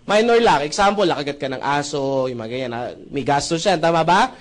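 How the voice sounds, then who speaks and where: A man's voice: a little high, animated, fairly quick. A man presenting membership benefits to a live audience in a joking sales talk, often checking in with the crowd with rhetorical questions. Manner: jokey, with frequent rhetorical "tama ba?" checks; addresses the audience as brothers and sisters.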